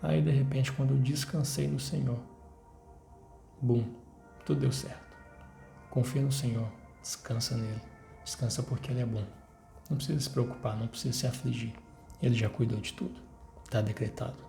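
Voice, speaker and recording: A young Brazilian man in his twenties speaks earnestly to his viewers, urging them on with repeated phrases. His voice is mellow with a gravelly edge. The recording is roomy, with soft music underneath. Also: medium pitch, fairly even intonation, brisk. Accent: Brazilian Portuguese. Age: 20s. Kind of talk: personal faith testimony to camera. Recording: roomy echo, faint music behind.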